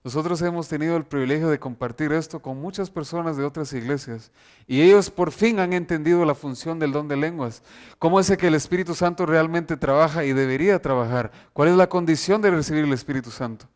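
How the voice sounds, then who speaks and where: A man preaching an earnest sermon, reading scripture aloud from slides and slowing down to stress key verses. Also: a little high.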